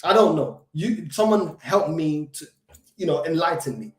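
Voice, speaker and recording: A man with a London accent and a fairly high voice hosts a solo football fan reaction at a moderate pace in an echoey room. He's recovering from illness, so his voice isn't at full strength, and he speaks emphatically with fillers and repeated restarts.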